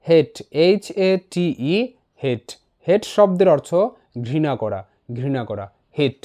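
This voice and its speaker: A man teaching an English pronunciation lesson in a voice-over, spelling each word letter by letter and repeating it slowly. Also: a little high, big pitch swings, warm tone.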